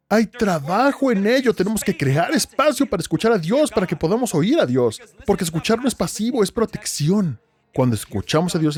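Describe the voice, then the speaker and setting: Pastor de voz aguda y muy expresiva. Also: male voice, sits high, darkish tone. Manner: emphatic preaching with rhetorical questions and repetition. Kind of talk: sermon.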